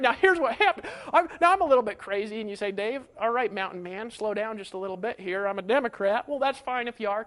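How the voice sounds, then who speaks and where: A man coaching an online marketing webinar from a home setup, energetic and folksy, full of rhetorical questions. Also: very high voice. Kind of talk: webinar teaching. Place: home setup in rural hills.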